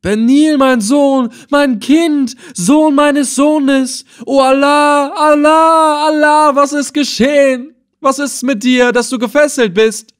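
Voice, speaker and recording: A man voicing an excitable, talkative old male helmsman in an audiobook, pleading and crying out. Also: lowish voice, normal speed, no room sound, clean studio sound, natural voice. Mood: wailing. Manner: pleading and wailing. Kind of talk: audiobook character voice.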